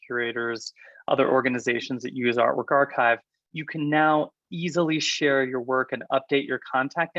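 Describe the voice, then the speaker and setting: A man presenting a software walkthrough on a webinar, talking quickly and chattily with some fillers. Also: mid-range voice, no echo, highs cut off. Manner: fast, chatty, explanatory with fillers. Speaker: product presenter.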